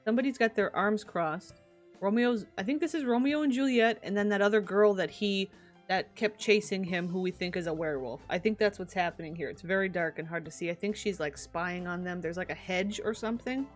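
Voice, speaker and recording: A woman streamer giving casual, musing commentary on a life-simulation game, chatty and quick to giggle. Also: medium pitch, soft background music.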